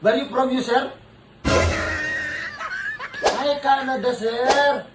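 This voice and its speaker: Filipino man, halting broken English, laughing, echoey room, distant mic, steady noise. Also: extremely high pitch. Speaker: vlogger pulling a prank. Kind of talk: prank video call.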